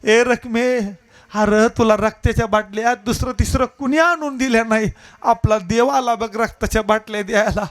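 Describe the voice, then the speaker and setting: A man's voice: very high voice, steady tone, normal speed. A male preacher voicing a weary, devoted village husband who speaks earnestly in dialect. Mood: consoling.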